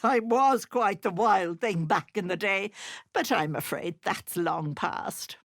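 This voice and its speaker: An actress playing a sinister old hag who poses as a kindly auntie in a video game, cooing mocking endearments in a theatrical way. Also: female voice, medium pitch, slow, vocal fry. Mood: sugary, doting. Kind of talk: video game character acting.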